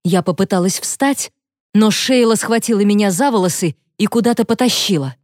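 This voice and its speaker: A woman narrating a first-person audiobook thriller in a steady, expressive way. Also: medium pitch, moderate pace, no echo, clean studio sound.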